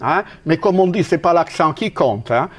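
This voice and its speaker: A man from Italy with an Italian accent, preaching a sermon in an emphatic way, with sudden leaps and drops in pitch and halting restarts. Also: lively intonation.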